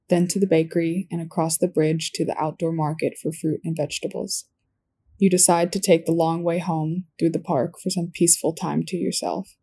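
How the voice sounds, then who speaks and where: A woman reading a scripted second-person story in a calm, even storytelling manner. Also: lowish voice, slightly rough. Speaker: narrator.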